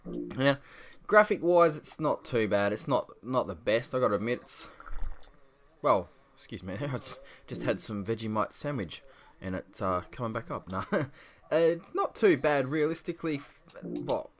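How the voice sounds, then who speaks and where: An Australian man in his twenties rambles through easygoing gameplay commentary, often correcting himself mid-sentence. His voice is bright and forward, and it echoes off the bare walls of a nearly empty room. The echo stays with every word. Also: medium pitch, animated, moderate pace. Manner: rambling, laid-back, self-correcting. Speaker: gaming video creator.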